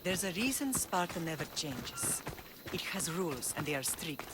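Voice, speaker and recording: A woman's voice: deep voice, big pitch swings, normal speed, background noise. An actress playing a stern, protective middle-aged Spartan mother who speaks in a firm, instructive way.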